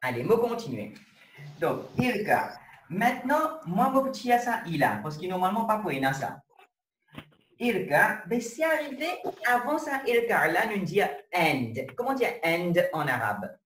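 A man's voice: high-pitched, sing-song, a little slow, fairly bright tone. A man from Mauritius, teaching an online class and stopping often to check that students follow. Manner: explains step by step, keeps checking students follow. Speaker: Arabic teacher. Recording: roomy, distant with faint noise.

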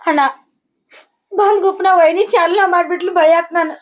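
A woman's voice: extremely high pitch, steady tone, normal speed, lo-fi sound. A woman with a North Karnataka Kannada accent playing a tearful younger sister who has fled her drunk husband, crying and pleading with her brother. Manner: sobbing, pleading, calls her brother often. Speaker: sister in a comedy skit.

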